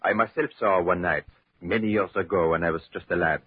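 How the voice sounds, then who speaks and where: An actor playing a genial French gentleman with a French accent, speaking in a courteous, measured way in an old radio drama. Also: deep voice, slightly rough, no room sound. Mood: storytelling. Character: genial middle-aged French mayor's son, storyteller. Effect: old radio show. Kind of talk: 1940s radio drama acting. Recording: thin, phone-like old radio broadcast.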